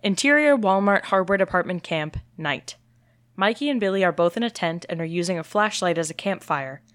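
Woman reading screenplay stage directions, lowish voice, dry close sound, steady delivery. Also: brisk, no echo. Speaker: script reader.

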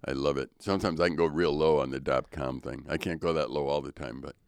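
In a radio studio, an older co-host with a very low, deep, smooth voice and some vocal fry reflects on faith slowly and thoughtfully, with a slightly preachy edge. The podcast feels relaxed, and the audio is close and dry with no room echo.

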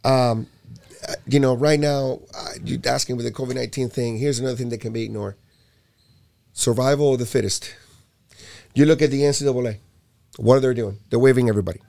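A man from Puerto Rico who runs a youth basketball program, speaking in a casual conversation with an animated, emphatic delivery and frequent repeated words. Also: medium pitch, a little fast, vocal fry, pauses often.

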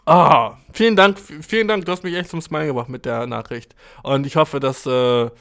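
A man's voice: moderate pace, creaky. A man hosting a podcast, reading out and reacting to listener mail in casual, slangy chat full of English words and swearing. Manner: animated, jumps into high exclamations.

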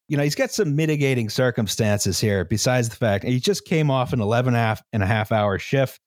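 Podcast host, male, mid pitch, rambling explainer with lots of "right?", dry close mic. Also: normal speed, dry recording. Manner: explains at length, tags lines with "right?", many fillers. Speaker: podcast host presenting the history. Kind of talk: casual history podcast chat.

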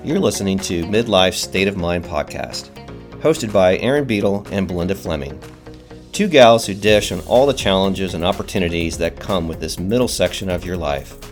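A man reading a scripted podcast intro as announcer, with smooth announcer delivery. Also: low-pitched, animated, moderate pace. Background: faint music.

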